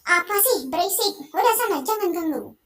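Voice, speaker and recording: A young gamer reading out the lines of an angry husband in a video game, yelling harsh orders at his wife. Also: high-pitched, brisk, natural voice. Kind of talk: game dialogue read aloud.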